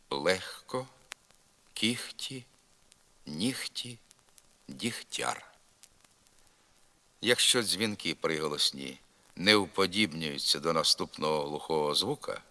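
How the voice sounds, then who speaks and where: A man teaching pronunciation, reading out word drills slowly and with careful articulation. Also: low-pitched, bright, forceful tone. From Ukraine. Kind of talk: slow recorded diction lesson with word drills. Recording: vinyl record rip.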